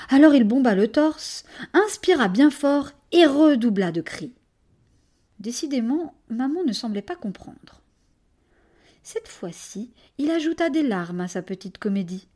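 Expressive woman reading a bedtime story. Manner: expressive, sweeping pitch, hushed passages.

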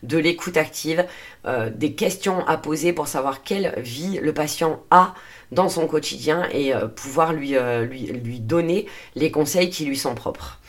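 A woman with a notably low-pitched voice talks alone into the mic for her podcast. She explains steadily and earnestly, pausing on fillers and correcting herself mid-word. Her throat sounds a little dry. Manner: earnest, steady delivery with frequent "euh" fillers and self-corrections. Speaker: podcast host and naturopathy coach. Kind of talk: solo podcast explainer, partly read.

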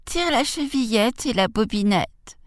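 A woman voicing a frail old grandmother in a children's storybook, high and thin. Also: expressive, unhurried, dry recording, studio quality. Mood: welcoming.

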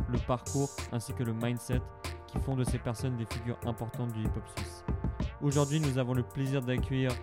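Friendly podcast host. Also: male voice, medium pitch. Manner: friendly, encouraging with short backchannels. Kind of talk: podcast interview.

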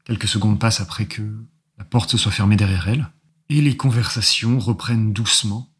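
A man narrating as game master of a tabletop role-playing game, often pausing with fillers. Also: lowish voice, steady tone, slightly rough. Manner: hesitant narration with frequent fillers.

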